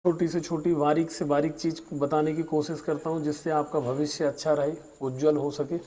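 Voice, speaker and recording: Man, teacher, patient recap of a lesson, drawn-out example sounds, fairly high voice with a mellow tone. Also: level tone, rough recording. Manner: patient, explains slowly and drags out vowel sounds as examples; mixes in English words.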